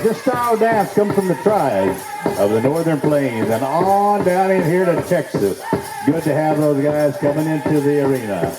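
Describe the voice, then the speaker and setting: A man working as a powwow emcee, announcing dancers into the arena with folksy, celebratory introductions. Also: fairly high pitch. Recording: echoey arena sound with music behind.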